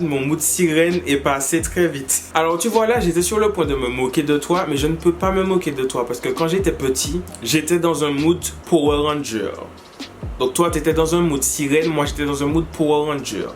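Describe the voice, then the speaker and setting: A young man from the French Antilles tells comic stories to camera and reacts to viewers' embarrassing moments, jumping into high, squeaky voices whenever he quotes someone. There's a little hiss or hum in the recording.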